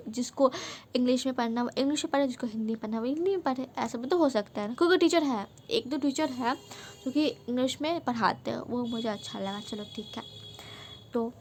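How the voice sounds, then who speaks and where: A woman's voice: sits high, fairly quick, darkish tone, slight background noise. A young woman vlogger from Bihar, India, telling a casual storytime monologue in a frank, emphatic way, with English words mixed in. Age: young adult.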